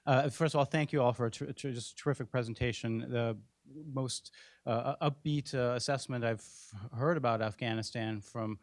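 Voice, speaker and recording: A man's voice: medium pitch, fairly even intonation, moderate pace, no echo. Audience guy asking the panel a question, stumbles a lot, dry close sound. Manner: stumbling, polite.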